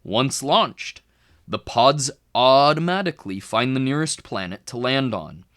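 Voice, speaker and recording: In the role of a tutor, a man reads a children's book aloud at a medium pitch. His expressive narration is instructive, with careful phrasing and stressed key words.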